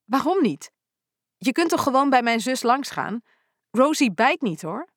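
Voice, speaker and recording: A woman's voice: high-pitched, sing-song, a little slow, no room sound, pitched above the performer's own voice, full character voice. A woman doing a joking teen boy, easygoing, dry close sound. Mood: teasing. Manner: joking, laid-back. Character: teasing teenage boy, young uncle.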